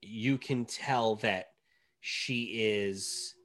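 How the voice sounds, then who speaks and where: A woman's voice: very deep voice, extremely slow. Sneezy woman teasing her sister. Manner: teasing, talks through a stuffy sneezy nose. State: sneezy from a cold. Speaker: podcast co-host. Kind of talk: casual chat.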